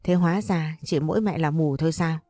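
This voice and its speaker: A woman's voice: low voice, a little fast, warm tone, dry recording. A woman voicing a harsh, scolding middle-aged mother who runs a shop, cutting in her words.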